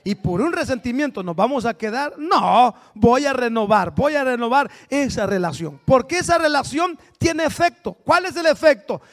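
High-pitched pastor guy preaching in church, goes quiet then loud. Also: lively intonation, moderate pace, few pauses. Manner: storytelling preacher, swings from soft asides to loud exhortation. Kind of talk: sermon.

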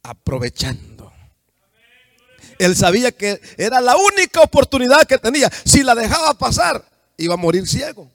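A middle-aged Salvadoran man preaching a fervent sermon, speaking straight to his congregation and rising into shouts. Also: very high-pitched, very animated, normal speed, no room sound, clean studio sound. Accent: Salvadoran Spanish.

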